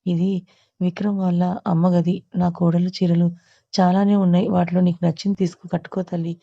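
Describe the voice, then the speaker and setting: Woman doing a sweet old granny, soft and kind, flat mellow tone. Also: lowish voice, a little fast, vocal fry, no room sound, muffled recording. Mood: gentle. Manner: soothing, affectionate. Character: kind elderly grandmother, warm and gentle.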